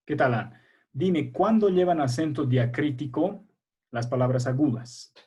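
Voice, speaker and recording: A male teacher runs an online language class with young pupils, speaking over a video call. His voice is dark and slightly husky. He is patient and encouraging and checks in often with his class. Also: a little high, a little slow. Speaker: primary school language teacher.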